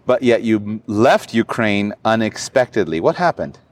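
A man's voice: on the low side, very animated, normal speed, no echo. A man hosting a podcast interview, friendly and asking short follow-up questions. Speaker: podcast host.

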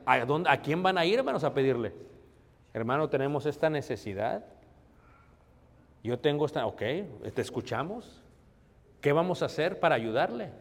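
A man preaching a sermon conversationally, often calling out to his congregation as brothers. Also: medium pitch. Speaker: pastor. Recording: long hall reverb.

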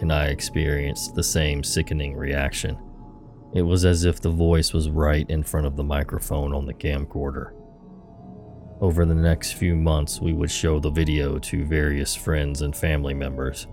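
Male horror podcast host, very low, flat, gravelly narration. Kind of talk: scripted horror story narration. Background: soft music.

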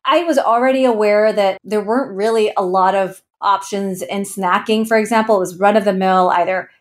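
This founder guest, a woman in her thirties from Ecuador, recounts how she started out during an interview conversation. She talks briskly at a medium pitch, her intonation fairly even, sincere in tone with occasional laughter.

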